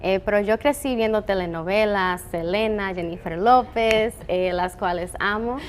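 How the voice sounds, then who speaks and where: A woman's voice: medium pitch, moderate pace, slight background noise. A woman from the Dominican Republic, an engineer, answering interview questions earnestly with many "eh" fillers. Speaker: telescope operations engineer.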